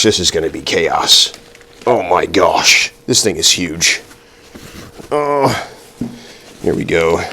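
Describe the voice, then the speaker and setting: Nervous, rambling deep-voiced man cooking. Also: fairly bright tone. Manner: nervous, self-deprecating, rambling with fillers. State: out of breath at times. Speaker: cooking video host. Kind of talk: casual cooking vlog, talking while working.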